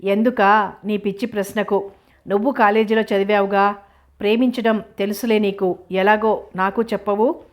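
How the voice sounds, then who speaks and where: A woman's voice: medium pitch, steady tone, moderate pace, lightly acted. A woman reading the lines of a teasing, wry young woman in a storybook.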